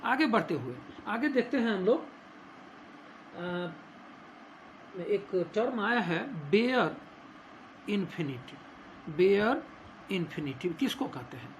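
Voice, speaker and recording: Male Indian English tutor, slow deliberate lesson delivery, hesitant, faint background hiss. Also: high voice, big pitch swings. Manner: slow, hesitant, explanatory, frequent filler pauses. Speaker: English teacher. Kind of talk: classroom grammar lesson, Hindi mixed with English.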